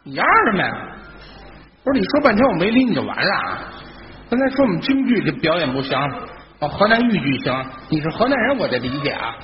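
A man's voice: high voice, big pitch swings, brisk. A man performing live crosstalk, indignant and argumentative. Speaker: crosstalk comedian. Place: theater stage before a live audience. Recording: dull live hall recording with audience.

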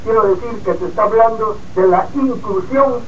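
An elderly man in his eighties calls in to a talk radio show. His voice is high for a man and comes through a muffled, faraway phone line with a faint hiss behind it. He speaks in an indignant, halting way, stumbling and repeating words. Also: far from the mic. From Peru. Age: 80s. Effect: caller heard over a phone line.

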